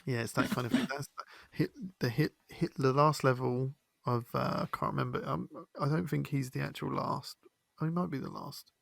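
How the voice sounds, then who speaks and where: Guy with a really gravelly voice telling game stories on a podcast, dry sound. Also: medium pitch, normal speed, dry recording. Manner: animated storytelling, quotes others. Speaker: podcast co-host. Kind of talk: casual chat.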